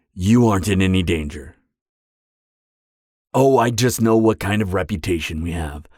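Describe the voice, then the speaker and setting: In a conversational audio roleplay, a man lightly acts an awkward, earnest supervillain, sounding sheepish and resigned. His voice is low and a little mellow, recorded close and dry, and though he stammers a bit he stays matter-of-fact and by the book.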